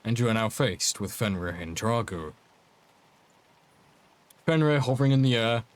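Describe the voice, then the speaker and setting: A man's voice: medium pitch, lively intonation, normal speed. A man running a tabletop game as dungeon master, narrating casually with offhand asides.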